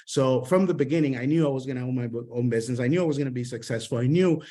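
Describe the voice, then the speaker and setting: A man's voice: mid-range voice, racing, warm tone. A man from Honduras, a sales mentor, giving an upbeat motivational training over an online call, with many fillers and repeated words.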